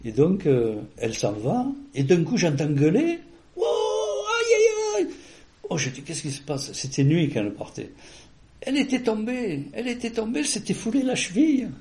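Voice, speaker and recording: Telling personal stories in a relaxed, conversational way as if to an interviewer, a man rambles along with plenty of fillers and false starts. His voice is warm and mellow, on the high side, with big pitch swings and a slightly fast pace.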